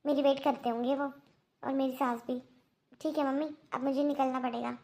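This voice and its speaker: Woman as a firm young cartoon daughter, high voice, earnest lecturing tone. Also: level tone, normal speed, darkish tone. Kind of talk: Hindi cartoon dubbing.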